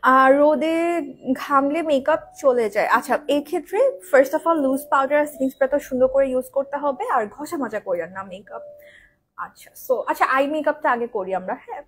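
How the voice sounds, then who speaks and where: High-voiced woman doing a makeup livestream, kinda hoarse, talks really loud. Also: normal speed. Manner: talks loudly, habitually projecting her voice. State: hoarse from daily loud talking. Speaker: makeup artist hosting a live stream. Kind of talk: casual live-stream chat during a makeup tutorial.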